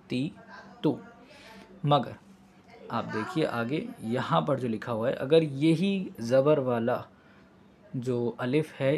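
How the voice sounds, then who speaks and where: A man's voice: mid-range voice, darkish tone, a little hiss or hum. A man teaching a beginners' Persian lesson, patiently explaining exercises and repeating each letter sound. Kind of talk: step-by-step classroom explanation.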